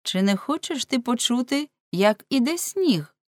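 A woman's voice: fairly high pitch, big pitch swings, a little slow, no room sound, studio quality, voice pushed up. A woman reading the part of a bold, teasing young man in an audiobook, in a forthright manner.

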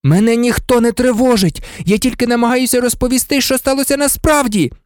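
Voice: high voice, expressive, a little fast, dry recording, clean studio sound, pitched above the performer's own voice. Harry Potter, a frantic teen boy, as a reader puts him on. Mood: urgent. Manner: urgent, pleading, shouting. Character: teenage boy wizard, desperate and indignant. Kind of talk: audiobook reading.

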